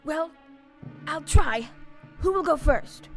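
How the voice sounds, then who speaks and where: A woman's voice: high-pitched, expressive, takes it slowly, a little mellow, faint music behind. A woman playing a big cowardly lion, plaintive and self-pitying, in a stage audio play. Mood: anxious but willing.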